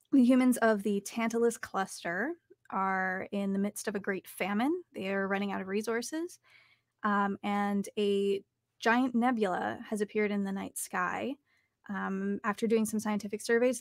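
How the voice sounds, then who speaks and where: A young adult woman chats casually as an interview guest about her voice acting work, recorded indoors in a small home studio. Her medium-pitched voice moves a little slowly, and the sound is dry and studio quality.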